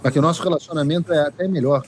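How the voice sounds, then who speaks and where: A man's voice: a little high, racing, a little mellow, a little hiss or hum. A man with a Brazilian accent hosting opinionated political commentary, sarcastic and mocking. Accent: Brazilian Portuguese. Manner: sarcastic, mocking, translates clips aloud.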